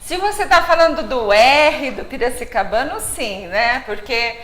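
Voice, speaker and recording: High-voiced woman explaining in a roomy studio. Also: expressive, a little slow, fairly bright tone. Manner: explanatory, demonstrates pronunciations. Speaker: language consultant, guest. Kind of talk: TV studio interview.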